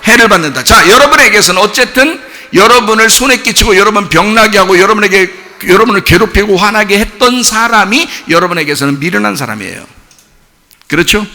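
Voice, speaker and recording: A man's voice: sits high, expressive, fairly quick, bright, forceful tone, in a large hall. A male pastor preaching a sermon, emphatic and full of rhetorical questions to the congregation, acting out quoted lines. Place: church sanctuary.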